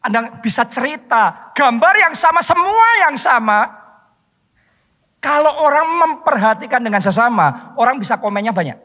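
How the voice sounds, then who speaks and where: Indonesian guy preaching, loud then soft drawn-out words, long hall reverb. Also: extremely high pitch, animated. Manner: emphatic, swings between loud stress and soft drawn-out words. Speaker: pastor. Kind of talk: sermon. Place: church hall.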